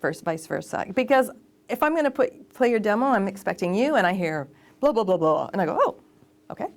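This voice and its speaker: A woman's voice: medium pitch, expressive, brisk. Chatty, emphatic woman in an interview. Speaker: voice actor and casting director. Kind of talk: interview conversation.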